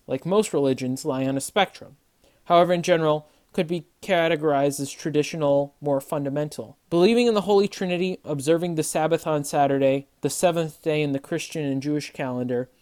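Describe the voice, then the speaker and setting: A true crime narrator hosting a podcast, reading a scripted story in a measured way. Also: medium pitch, darkish tone.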